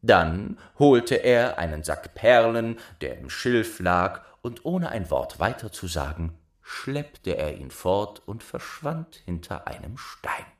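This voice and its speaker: Slow, expressive male storyteller. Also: lowish voice. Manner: expressive, measured fairy-tale telling. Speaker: narrator. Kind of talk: storybook reading.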